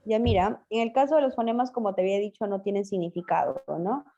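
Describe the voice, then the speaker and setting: A woman teacher giving an online language class, patiently quizzing her pupils and spelling words out slowly. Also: medium pitch, mellow. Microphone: video call. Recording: muffled lo-fi video call audio.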